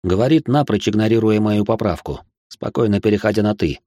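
A man with a low voice reads a first-person novel aloud. His delivery is stern and clipped in the dialogue, and the recording is dry and close. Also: fairly quick, mellow, dry recording. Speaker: audiobook narrator.

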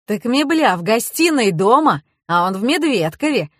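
A woman's voice: a little high, big pitch swings, moderate pace, no room sound, studio quality, voice pushed up. A woman voicing a big, crude, blunt husband in an audiobook, with folksy slangy talk.

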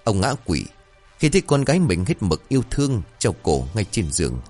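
Deep guy telling a scary story, dramatic, up and down, soft music under. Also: very animated, fairly quick. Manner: dramatic, suspenseful. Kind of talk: scripted horror story narration.

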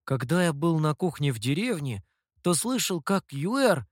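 A man's voice: a little high, sing-song, measured pace, dry recording, clean studio sound. A man voicing a naive, honest young male scribe who asks earnest questions in a storybook reading. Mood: curious.

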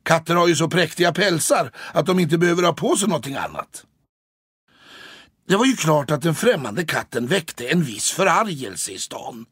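Audiobook narrator, male, husky, highly expressive pitch, slightly high voice. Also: dry recording, studio quality. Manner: animated, expressive reading. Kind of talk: audiobook storytelling.

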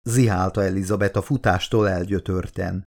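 A man, the author, reading his own audiobook in a steady, measured narrating voice. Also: low voice. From Hungary.

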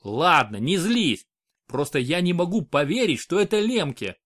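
A man's voice: fairly high pitch, big pitch swings, moderate pace, a bit bright, pitched above the performer's own voice. A man reading an audiobook, voicing a worried, questioning male count who is a loyal friend. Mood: uneasy. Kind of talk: audiobook character voice.

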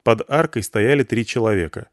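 A man reading an audiobook narration with expressive, varied intonation. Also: lowish voice, moderate pace, dry recording, studio quality. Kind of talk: scripted narration.

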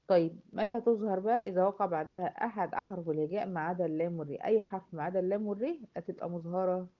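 Egyptian woman as recitation teacher, patient, repeats examples, fairly low voice, muffled lo-fi recording. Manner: patient, asks and answers her own questions, repeats examples slowly. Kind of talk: classroom lesson. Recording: dull lo-fi recording.

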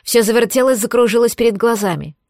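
A woman reading a fantasy novel aloud in measured, lightly dramatic narration. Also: a little high, darkish tone, no echo, clean studio sound. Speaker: audiobook narrator. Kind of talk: scripted narration.

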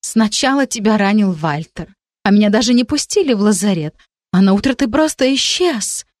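A woman's voice: mid-range voice, expressive, normal speed, no echo, close to an everyday voice. Woman doing a whiny clingy fox girl, complains a lot, dry sound. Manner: whining, complaining. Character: young female fox shifter, whiny and clingy.

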